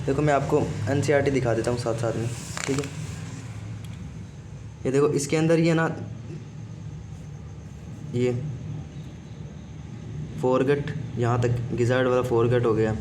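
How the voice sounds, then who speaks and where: A man's voice: medium pitch, unhurried, long pauses, noisy background. A man teaching a biology lesson for exam prep, who keeps repeating "okay" and asks himself questions before answering them.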